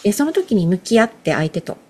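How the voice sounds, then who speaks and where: Middle-aged woman, kinda husky, low-ish mellow voice, chatty and animated, does little voices when she quotes people. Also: fairly quick. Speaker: guest, emotional wellness practitioner. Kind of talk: casual podcast conversation.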